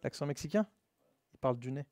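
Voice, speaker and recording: A man's voice: medium pitch, brisk, dry recording. A man teaching web development in a casual, slangy live classroom lesson, speaking directly to his students. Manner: relaxed and slangy, addresses students as "les gars".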